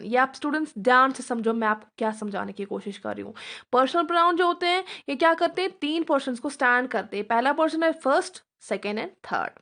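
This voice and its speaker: A woman teaching a grammar lesson, coaxing her students and often checking that they understand, reading definitions slowly. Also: sits high, fairly bright tone. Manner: reads English definitions slowly. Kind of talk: classroom grammar lecture.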